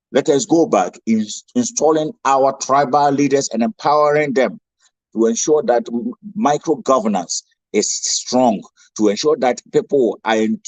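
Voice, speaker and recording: Here a man from Ghana, speaking with a Ghanaian accent, gives a rousing address as an invited speaker, leaning on repetition and rhetorical questions. His voice is medium in pitch with a somewhat dark tone, and there's no echo.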